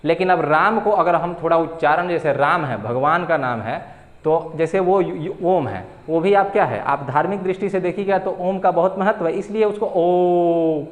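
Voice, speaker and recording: Young male tutor, slightly high voice, patient and repetitive, exam-prep lecture delivery. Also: echoey room, phone-quality sound. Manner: patient, repeats key terms slowly, asks and answers own questions. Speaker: teacher. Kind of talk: exam-prep Hindi grammar lesson.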